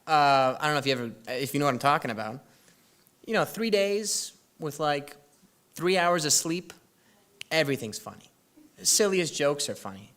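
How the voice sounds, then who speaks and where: A young youth group presenter recounts a trip to church kids in a church hall, his voice a little high, expressive, and slightly bright at a moderate pace. The story wanders, he keeps interrupting himself mid-sentence, and fillers crop up constantly.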